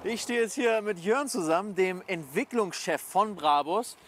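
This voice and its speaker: Male car presenter, higher voice, punchy interview questions, faint background hiss. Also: moderate pace.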